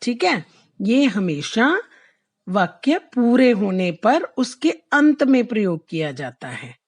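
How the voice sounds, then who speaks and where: Slow, patient woman teaching children. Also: fairly high pitch, big pitch swings, slightly rough. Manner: patient, repeats "ठीक है?" checks; slows right down to read example sentences. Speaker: Hindi teacher. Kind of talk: slow classroom explanation to children.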